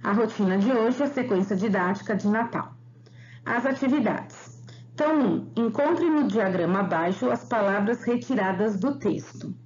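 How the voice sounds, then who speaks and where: A woman's voice: mid-range voice, darkish tone, dull audio, slight background noise. A woman teacher with a Brazilian Portuguese accent, leading a recorded lesson for young children and drilling letters and syllables one by one. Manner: slow, drawn-out syllable drills.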